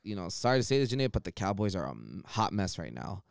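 A man in casual sports chat, blunt and animated, swearing freely as he gives his opinions. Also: deep voice, fast, vocal fry, smooth, no echo, studio quality. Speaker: podcast co-host.

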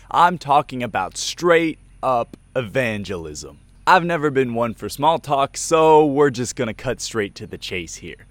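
A man hosting a Bible teaching show, delivering a scripted talk in an energetic, playful way with little dramatic skits. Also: mid-range voice, no room sound.

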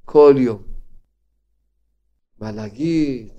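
A man preaching as a rabbi, firing rhetorical questions and swinging between loud outbursts and hushed lines. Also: mid-range voice, dull audio. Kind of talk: sermon.

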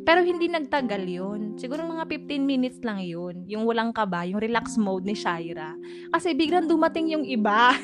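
A young woman casually telling a story, animated, laughing often and acting out what people said. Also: on the high side, normal speed. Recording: music playing behind.

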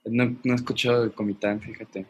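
Man, husky, easygoing, casual chat. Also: on the low side, level tone, fairly quick, a little mellow, highs cut off.

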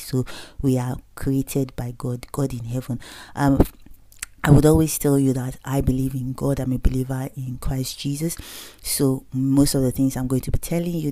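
A woman's voice: extremely low pitch, warm tone, no echo. A woman in her thirties with a Nigerian accent, giving an earnest, conversational faith-based motivational talk as a podcast host, slipping between Pidgin and English.

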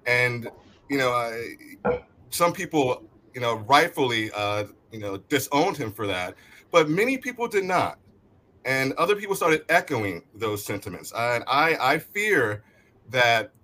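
A man giving deliberate, halting remarks as a panelist in a discussion. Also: medium pitch, pushed and bright.

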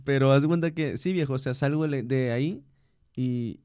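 A man, hosting a casual podcast and telling animated stories, acting out dialogue. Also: medium pitch, moderate pace, clear, resonant tone, no room sound, clean studio sound. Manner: animated storyteller, acts out dialogue. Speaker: podcast host. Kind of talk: casual chat.

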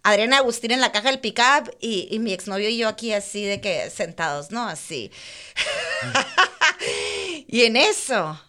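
A woman's voice: mid-range voice, normal speed, sharp tone. A woman from Mexico with a northern Mexican accent, co-hosting a podcast and telling a story expressively, checking that the listeners follow along. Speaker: podcast co-host. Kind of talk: casual storytelling chat.

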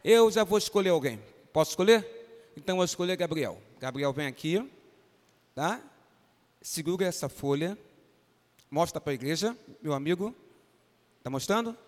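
With a fairly high, animated voice, this Brazilian pastor teaches kids a Bible lesson at a moderate pace, pausing often. He calls on the children by name to get them to respond, and the recording carries the reverb of a church hall.

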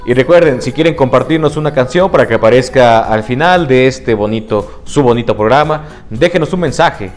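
A man's voice: medium pitch, lively intonation, fairly quick, few pauses, faint music behind. Joking man co-hosting news. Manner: joking, self-mocking asides. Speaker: news podcast co-host. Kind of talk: news read with banter.

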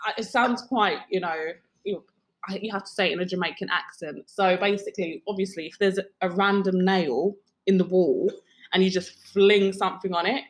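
A hungover woman co-hosts a podcast, rambling playfully and breaking into giggles. Her chat is loose and casual, and her pitch sits in an ordinary middle range. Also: a little fast. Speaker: podcast co-host.

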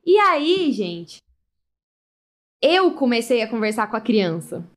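High-pitched young woman, photographer, casual live chat, animated storyteller. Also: slow pace. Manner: lively storyteller, acts out dialogue. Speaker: family photographer, guest.

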